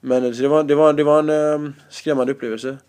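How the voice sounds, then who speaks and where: A male stand-up comedian being interviewed, telling lively anecdotes in casual chat and often laughing. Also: fairly high pitch.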